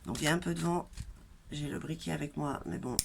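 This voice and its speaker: A woman's voice: low-pitched, fast talker, creaky. A woman with a nasal, congested voice and a blocked throat, giving a casual, chatty tarot reading straight to viewers in a hesitant manner. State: congested throat, coughing and throat-clearing. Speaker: tarot reader and channel host. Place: outdoors in a light wind. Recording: noisy outdoor recording with wind.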